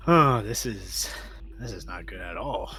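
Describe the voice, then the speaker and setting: Low, bright-voiced man, casual gamer. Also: animated, unhurried. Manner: informal, sweary, self-correcting. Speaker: tabletop game player. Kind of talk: casual tabletop session chat and narration.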